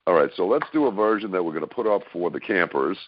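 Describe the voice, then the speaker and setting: A man's voice: sits low, lively intonation, quick pace, no echo. A man hosting an interview over a call, joking and playful as he sets things up. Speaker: interviewer, host. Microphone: phone on a conference call. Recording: muffled conference call line.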